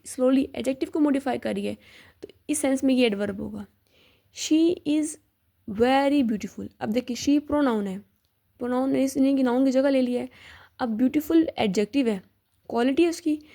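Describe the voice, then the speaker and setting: Young female tutor, slightly high, gravelly voice, patient and repetitive delivery. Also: mellow. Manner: patient, repeats examples, spells words out slowly. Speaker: teacher sharing study notes. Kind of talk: casual explanatory lesson.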